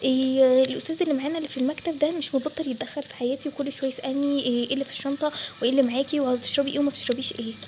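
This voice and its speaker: A woman's voice: high voice, fairly even intonation, rapid-fire, a little mellow, a little hiss or hum, lightly acted. A woman with an Egyptian Arabic accent voicing an exasperated young bank clerk in a toy role-play story. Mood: annoyed. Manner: exasperated, snapping back.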